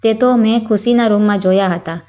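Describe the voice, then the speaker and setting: Woman reading as a kind older widowed housekeeper, soft and reassuring, medium pitch, storybook tale. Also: fairly quick, close to an everyday voice. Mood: caring.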